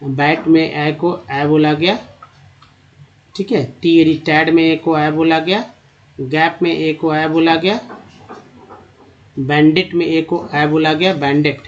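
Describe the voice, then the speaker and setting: A man teaching English pronunciation to Hindi speakers, spelling out words and repeating each one slowly while quizzing the viewer. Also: a little high, little pitch movement. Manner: repeats each word slowly, drilling vowel sounds; addresses viewers as friends, asks rhetorical questions. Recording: dull lo-fi recording.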